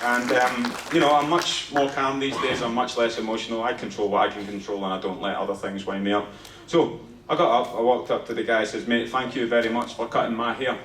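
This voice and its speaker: A Scottish man in his thirties works through a live stand-up set, conversational and punchy, with plenty of swearing. He sounds a little distant from the mic, and the theatre rings with echo. Audience noise sits clearly underneath him. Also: mid-range voice, fairly even intonation, fairly quick, a bit bright. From Scotland. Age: 30s. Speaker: stand-up comedian. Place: theatre stage before a laughing audience.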